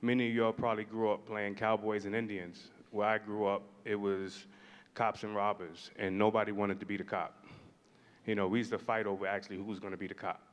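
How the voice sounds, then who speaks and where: A man in his forties from New York talks with a smooth, resonant, lowish voice. He is measured and reflective, pausing as he tells his story on a panel. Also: flat delivery. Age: 40s. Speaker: panel guest.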